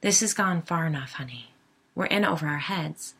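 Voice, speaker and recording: A woman reading the part of a worried, exasperated husband in an audiobook, her voice gravelly and bright. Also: low voice, lively intonation, moderate pace, full character voice. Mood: firm. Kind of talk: audiobook character voice.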